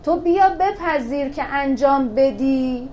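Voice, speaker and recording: A woman teaching a religious class on scripture verses. She talks in a lively way, asks rhetorical questions and answers them herself, and recites verses slowly. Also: high voice, highs cut off, slight background noise. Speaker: teacher of a Quran class for women. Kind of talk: religious lesson explaining scripture.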